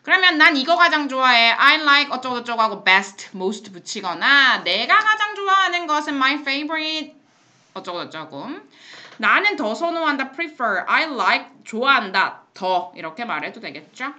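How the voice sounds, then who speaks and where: Woman english teacher in a classroom, bright voice, reads examples nice and slow, blunt jokes at the kids. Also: high-pitched, big pitch swings, lo-fi sound. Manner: mixes Korean explanations with slow English example sentences; blunt, playful scolding asides. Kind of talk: classroom lesson explaining English phrases.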